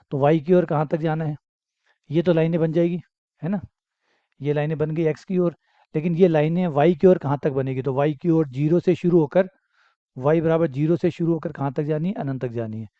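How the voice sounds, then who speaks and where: A male math teacher with a fairly high voice explains each step patiently. He repeats his phrases and answers his own questions, which keeps the class moving. The recording is dry and a little dull. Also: dark tone, no room sound. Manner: repetitive, encouraging, asks and answers own questions. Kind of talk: explanatory lecture.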